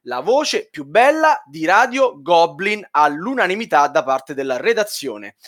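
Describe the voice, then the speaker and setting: A man's voice: a little high, big pitch swings, measured pace, a bit bright. A man hosting a podcast in casual chat, with a playful, teasing manner. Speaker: podcast host.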